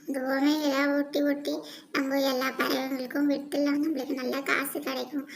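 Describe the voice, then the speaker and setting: A scheming female cartoon crow, voiced by a woman, who boasts about cheating her customers. Her voice is high and gravelly, and it is delivered with little pitch movement. The tone stays sly and self-satisfied. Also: level tone, normal speed.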